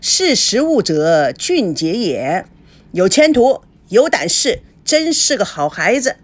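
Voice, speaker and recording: A woman voicing a hearty, boastful middle-aged male company chairman who praises loudly. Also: medium pitch, big pitch swings, moderate pace, voice pushed up. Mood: jovial. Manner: loud, jovial, showy praise.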